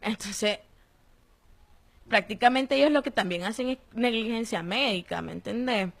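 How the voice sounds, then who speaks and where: A young woman with a Nicaraguan accent giving a personal testimony in an interview, telling her story in a lively way and acting out the voices of the people she quotes. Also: on the high side, normal speed, creaky. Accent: Nicaraguan Spanish. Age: young adult. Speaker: interviewee, former detainee.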